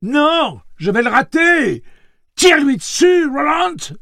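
A man's voice: expressive, slow, gravelly, breathy edge, no room sound, clean studio sound, heavily acted. Man voicing a shrieking panicked young woman. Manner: frantic high-pitched shouting.

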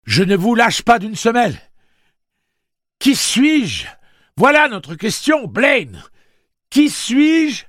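Man doing a desperate young man, shouting. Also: extremely high pitch, wildly swooping pitch, dry recording, studio quality, voice pushed up, full character voice. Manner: fast, nervous, shouting. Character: desperate young man stalling a deadly machine.

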